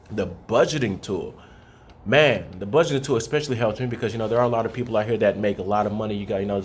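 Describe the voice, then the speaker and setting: A man's voice: fairly low pitch, a little mellow, slight background noise. A young man from Haiti, a guest on a radio interview, talking earnestly and casually, always asking "you know what I'm saying". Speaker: guest, credit repair consultant.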